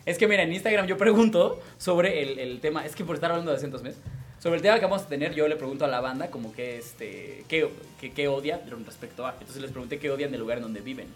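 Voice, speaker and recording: A man's voice: a little high, fast talker, soft background music. A man with a Mexican accent hosting a casual podcast chat, laughing often and swearing freely. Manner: laughs often, animated and crude. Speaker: podcast host.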